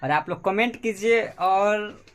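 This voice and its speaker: A man's voice: sits high, slow pace, a little hiss or hum. A man hosting a casual product showcase vlog, talking chattily and directly to his viewers. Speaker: channel host.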